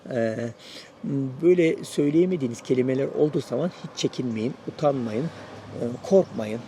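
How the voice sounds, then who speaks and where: Male host, gravelly and dark-toned, casual encouraging tutorial delivery, talks straight to viewers. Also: medium pitch, a little fast, slight background noise. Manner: encouraging, repeats advice, addresses viewers as friends. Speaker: YouTube host sharing his Russian learning. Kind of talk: casual spoken lesson to camera.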